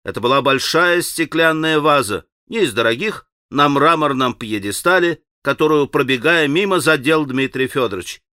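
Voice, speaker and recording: A man reading a classic novel aloud as an audiobook narrator, in a dramatic, expressive manner. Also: fairly high pitch, normal speed, hardly any pauses, clean tone, no echo, clean studio sound. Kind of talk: scripted literary narration.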